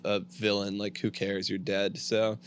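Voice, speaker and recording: Laid-back low-voiced male co-host. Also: level tone, measured pace, slight background noise. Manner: laid-back, lots of "dude" and "like". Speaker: guest co-host, producer. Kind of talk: casual chat.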